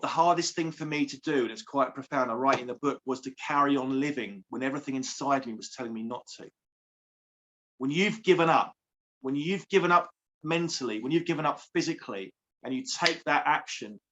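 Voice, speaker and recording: A man's voice: medium pitch, a bit bright. A man, a coach speaking earnestly as an interview guest, repeating phrases for emphasis. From England. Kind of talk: heartfelt interview.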